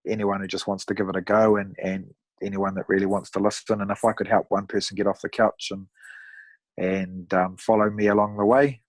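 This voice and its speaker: A man in his thirties with a broad New Zealand accent, chatting casually as a podcast guest in a laid-back, matey, rough-around-the-edges way. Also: on the low side, level tone, brisk, no echo. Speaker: podcast guest, amateur endurance athlete. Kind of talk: casual conversational storytelling.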